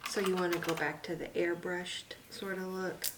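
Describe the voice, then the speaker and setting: A woman doing a soft-spoken ASMR role-play as an easygoing art consultant, musing and hesitant as she talks. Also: lowish voice, little pitch movement, moderate pace. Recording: distant mic, loud noise, typing and clicks. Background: typing, clicking and tapping.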